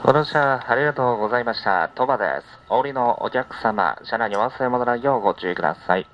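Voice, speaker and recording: A man's voice: medium pitch, fast talker. A man working as a train conductor, making live, politely formulaic onboard announcements. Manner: formulaic, repeated polite phrasing. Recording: muffled train PA, cabin noise. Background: train cabin noise.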